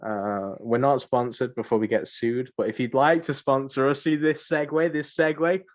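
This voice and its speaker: In a mid-range voice with fairly even intonation, this young man trades casual banter as a podcast co-host. He speaks at normal speed, joking, rambling and returning again and again to the same slang.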